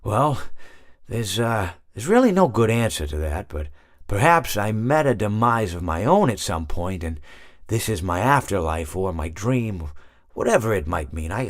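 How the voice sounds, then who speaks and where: Low, lilting, rambling hippo animatronic, Mr. Hippo. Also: male voice. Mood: musing, wistful. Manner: hesitant, digressive, repeats himself, deadpan about grim things. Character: rambling, genial hippo animatronic, absent-mindedly morbid storyteller. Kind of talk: meandering video game character monologue.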